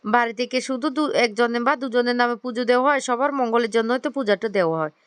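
Woman doing a stern older aunt, reproving, lecturing, clear voice. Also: a little high, fast talker, dry recording, close to an everyday voice.

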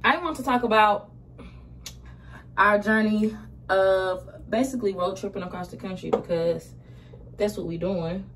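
Getting ready in a small room, a vlogger in her twenties with an American accent keeps up slangy, casual chatter. Her mid-range voice has a fairly bright tone, and she speaks at a measured pace, pausing often. A camera set a short way back captures a roomy sound with faint background noise.

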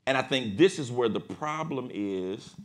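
A man's voice: mid-range voice, animated, a little slow. A man hosting a panel discussion as a pastor, speaking in a preacherly way that climbs to emphatic peaks on a studio stage before an audience. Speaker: pastor and podcast host.

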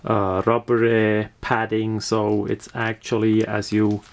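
A man's voice: fairly low pitch, completely flat delivery, measured pace, vocal fry. A man from Switzerland with a Swiss accent gives an unscripted product demonstration, searching for words and often repeating them. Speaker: product reviewer.

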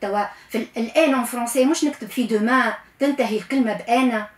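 High-voiced Tunisian woman teaching recitation. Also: reverberant. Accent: Tunisian Arabic. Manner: patient and coaching, stretches out sounds slowly to demonstrate. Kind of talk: radio lesson on Quran recitation.

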